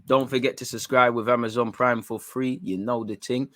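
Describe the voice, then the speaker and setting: A young man, hosting a football talk stream in a rambling, slangy, excitable way. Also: mid-range voice, moderate pace, faint music behind. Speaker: football channel host. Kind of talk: casual livestream chat.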